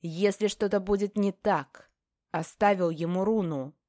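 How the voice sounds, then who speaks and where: A woman's voice: medium pitch, measured pace, mellow, no room sound. A woman narrating a first-person fantasy audiobook in a tense, dramatic storytelling manner, close to the mic.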